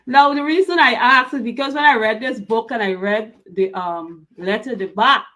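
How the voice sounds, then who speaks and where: A woman's voice: a little high, normal speed, a bit bright. Effusive woman hosting an interview. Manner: effusive, praising, repeats words. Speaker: interview host.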